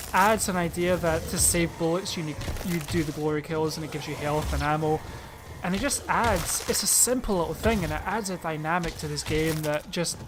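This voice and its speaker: A man's voice: fairly high pitch, noisy background. A man hosting a gaming video with casual, rambling commentary and chatty asides as he plays. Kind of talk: casual let's play commentary. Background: game music.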